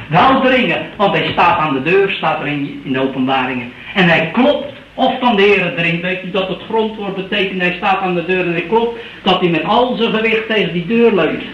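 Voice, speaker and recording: A man preaches with a rather high voice, earnest and pleading, and keeps asking rhetorical questions. He sounds set back from the microphone in a reverberant church. The recording is dull and a little muffled. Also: fairly bright tone, distant mic, slight background noise. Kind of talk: sermon.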